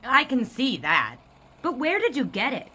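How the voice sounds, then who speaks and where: A woman playing a bright, chipper young editor from the 1920s whose pitch bounces all over. Her talk is breezy and wide-eyed, in old-time radio style. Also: huge pitch swings, a little slow, breathy edge, heavily acted. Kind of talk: 1940s radio acting.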